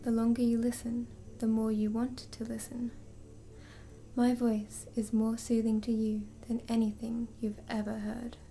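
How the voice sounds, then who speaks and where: A woman hypnotist leading a slow, soothing induction, drifting in and out of a whisper. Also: on the high side, little pitch movement, mellow, a little hiss or hum.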